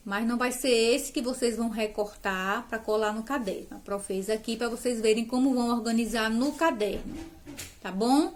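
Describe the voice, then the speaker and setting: A woman from Brazil, a primary school teacher, patiently explaining a remote lesson task to parents and children step by step, checking in often and using affectionate diminutives. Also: a little high.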